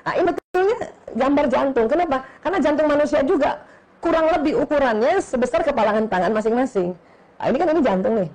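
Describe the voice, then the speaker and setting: A middle-aged woman giving a religious lecture on faith and the brain, explaining patiently and often checking in with her listeners with a quick "ya", slowing down to stress key terms. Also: on the high side, a little mellow.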